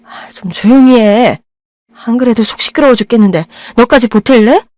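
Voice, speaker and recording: A woman playing a harsh, irritable middle-aged mother in an audio drama, snapping in sharp scolding tones. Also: on the high side, moderate pace, no room sound, studio quality, lightly acted.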